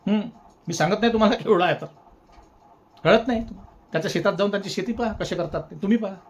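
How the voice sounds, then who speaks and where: Brief: male satirical commentator, high-pitched, sarcastic and scolding, laughs through his own jabs. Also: quick pace. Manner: sarcastic mock-scolding, repeats jeering taunts; chuckles while speaking.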